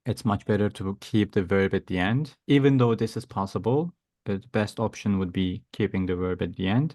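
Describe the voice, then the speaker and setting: A man's voice: on the low side, moderate pace, a little mellow, no echo, clean studio sound. A man teaching an interactive online language lesson, encouraging his students as he explains and gives examples. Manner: encouraging, praising. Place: online video class.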